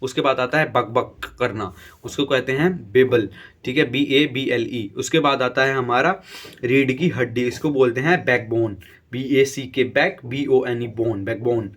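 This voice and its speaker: A man teaching English vocabulary, slowly spelling each word letter by letter and often checking in with his viewers. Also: mid-range voice, fairly bright tone. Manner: spells words letter by letter, repeats "theek hai". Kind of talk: slow dictation-style vocabulary lesson.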